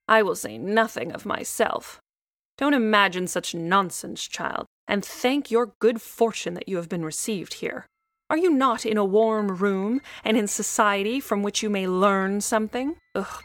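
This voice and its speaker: A preachy, know-it-all hen from a storybook scolds in a loud, emphatic voice that pushes upward in pitch, as a woman puts her on. The sound is close and dry, with no room around it. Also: dry recording, natural voice. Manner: scolding, lecturing, haughty. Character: bossy self-important hen, female.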